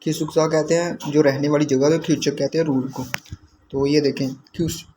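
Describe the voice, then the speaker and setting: Man teaching vocabulary slowly, slightly high voice. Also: flat delivery, mellow, a little hiss or hum, poor audio. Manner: slow, repeats and glosses each word. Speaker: language teacher. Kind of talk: explaining vocabulary to learners.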